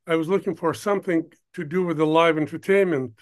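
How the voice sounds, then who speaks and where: Older guy from ukraine, interview guest, kinda high smooth voice, lots of um and uh while he hunts for words. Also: fairly even intonation. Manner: halting, searching for words, many fillers. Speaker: guest, producer. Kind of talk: casual interview talk.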